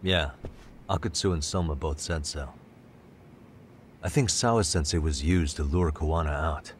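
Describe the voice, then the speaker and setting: An American voice actor performs English dub cutscene dialogue for a video game as a sharp, composed male detective working a case. His very deep voice is measured, deliberate, serious and analytical, with a slight hiss or hum on the recording.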